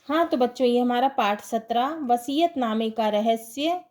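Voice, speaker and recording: Woman teacher, Indian Hindi accent, fairly high voice; slow, repetitive classroom drill for kids. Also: darkish tone. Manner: slow, repeats each answer, asks and answers own questions. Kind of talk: school lesson for children.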